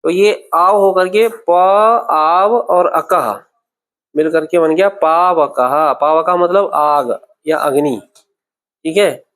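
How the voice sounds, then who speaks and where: A man's voice: fairly high pitch, fairly bright tone. A man teaching Sanskrit grammar in a classroom, patiently repeating words and checking that students follow. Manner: patient, repeats words slowly, asks "okay?" often. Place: classroom at a temple centre.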